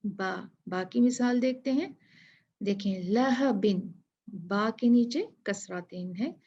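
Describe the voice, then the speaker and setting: A woman's voice: medium pitch, slow, warm tone, husky, muffled recording. A woman teaching Quran recitation rules, patiently repeating each letter and word to demonstrate. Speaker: tajweed teacher.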